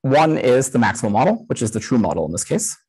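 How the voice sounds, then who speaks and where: A man's voice: mid-range voice, sing-song, fast, darkish tone, husky, poor audio. A man in his thirties giving a casual conference talk over a video call while live coding, talking through a headset with frequent "um" fillers. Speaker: conference speaker.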